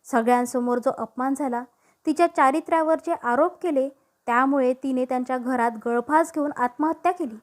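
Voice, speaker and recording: A woman voicing a gentle grave elder sister. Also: high voice, brisk, lightly acted.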